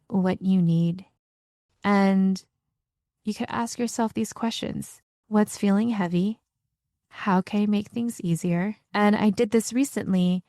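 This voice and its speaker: A woman's voice: mid-range voice, dark tone, no room sound, studio quality. A woman hosting her own podcast, talking candidly in a chatty solo monologue and acting out her own thoughts and conversations. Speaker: podcast host.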